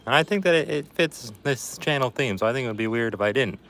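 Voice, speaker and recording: A man's voice: medium pitch, animated, fast talker, creaky, fairly bright tone, a little hiss or hum. A man chatting casually as a livestream host and reading out viewer comments, putting on a folksy Appalachian hillbilly accent to disguise his voice. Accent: put-on Appalachian hillbilly. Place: outdoors in a backyard.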